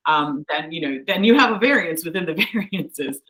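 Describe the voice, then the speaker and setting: Bright-voiced woman leading a workshop. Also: low voice, lively intonation, normal speed, rough recording. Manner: chatty, encouraging, with light laughs. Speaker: workshop presenter. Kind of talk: online workshop presentation. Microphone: video call.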